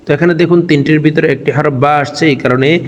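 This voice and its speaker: A man teaching a recitation lesson, explaining pronunciation slowly word by word and drawing out chanted verses. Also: fairly high pitch, fairly even intonation, long reverb tail. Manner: slow, drawn-out chanting of verses between spoken explanations.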